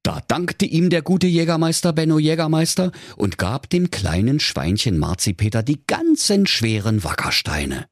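A man narrating a comic fairy tale in a lively, playful storytelling manner, with a husky voice. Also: a little high, moderate pace, hardly any pauses, no echo, studio quality.

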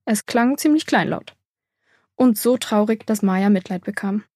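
A woman narrating a children's storybook in a calm, even storytelling manner, with a breathy voice. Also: medium pitch, measured pace, no echo, clean studio sound. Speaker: audiobook narrator.

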